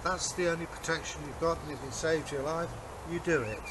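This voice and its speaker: A man's voice: fairly high pitch, brisk. Older man explaining, noisy outdoors. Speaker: co-host, Viking re-enactor. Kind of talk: casual explanatory show-and-tell. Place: outdoors in a leafy garden. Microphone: camera a few metres away. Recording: outdoor noise, birds and distant traffic.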